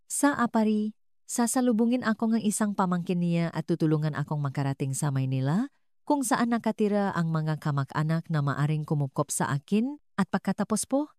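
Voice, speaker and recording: Low-voiced woman narrating a dramatic story. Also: animated, normal speed, a little mellow, clean tone, no echo, studio quality.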